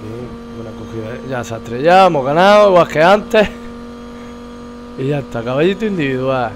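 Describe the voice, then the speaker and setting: Male gamer from Spain, mid-pitched, excitable, curses freely at the screen, faint engine sounds in the mix. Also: brisk, background noise. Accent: Spain Spanish. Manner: excitable, swears loudly at the game. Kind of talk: gameplay commentary.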